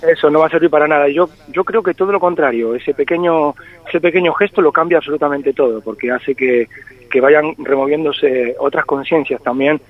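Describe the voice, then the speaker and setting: Heard over a thin, dry phone connection with no echo, a man in his forties talks fairly quickly in a voice on the high side. Born in Spain, this singer-songwriter carries a slight Argentine-tinged Spanish accent and answers interview questions thoughtfully, stumbling into frequent hesitations.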